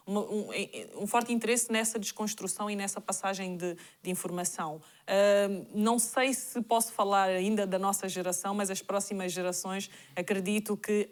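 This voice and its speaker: A woman's voice: medium pitch, clear, resonant tone. A woman hosting a studio talk show, handing over to guests and affirming them with a frequent "exato" between hesitant fillers. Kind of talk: television studio interview. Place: television studio.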